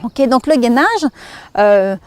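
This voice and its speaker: A woman's voice: on the high side, takes it slowly, a little mellow, clean tone, dry recording. A young woman with a Belgian French accent, leading a fitness lesson and explaining each step while she does the exercises. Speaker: fitness instructor. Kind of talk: exercise demonstration.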